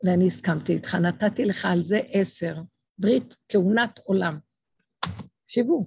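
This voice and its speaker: A woman's voice: creaky, a little mellow, breathy edge, dry recording. A middle-aged woman giving an emotional religious talk to an audience, acting out dialogues as she speaks. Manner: impassioned, acts out dialogues with swinging pitch.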